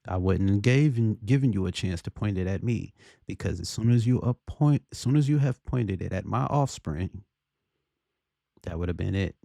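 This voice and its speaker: A man giving casual opinion commentary on a video, deliberately, often checking for agreement with rhetorical questions. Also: fairly low pitch, animated, vocal fry, dark tone, dry recording, clean studio sound.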